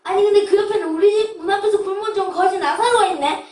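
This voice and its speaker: Woman playing a pompous villainous rich old man, high-pitched. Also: fast, darkish tone. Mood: anguished, pleading. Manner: pompous, mocking, theatrical villain bluster. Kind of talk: children's hand puppet play acting. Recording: roomy, distant miking with background hiss.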